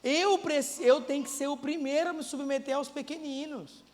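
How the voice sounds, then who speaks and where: Impassioned high-voiced male preacher. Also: steady tone, normal speed, in a large hall, a little hiss or hum. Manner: impassioned, swings from quiet to shouting. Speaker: pastor. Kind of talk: sermon. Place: church.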